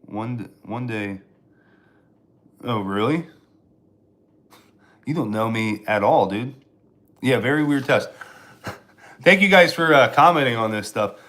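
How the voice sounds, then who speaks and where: A man's voice: mid-range voice, lively intonation, takes it slowly, pauses often, a bit bright. A man from Pennsylvania, a stand-up comedian, rambling sarcastically in a casual live stream while answering chat, with frequent restarts.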